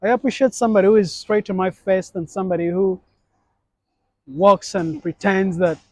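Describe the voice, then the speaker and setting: A man's voice: sits high, moderate pace, dry recording. A middle-aged man from Uganda, a guest in a casual interview, telling stories animatedly and acting out what people said. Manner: animated storytelling, acts out voices.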